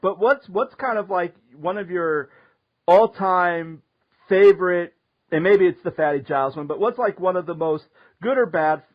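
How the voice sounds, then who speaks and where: Animated man telling camp stories. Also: fairly high pitch, dull audio. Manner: animated, laughs often while telling stories. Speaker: podcast host. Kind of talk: casual storytelling chat.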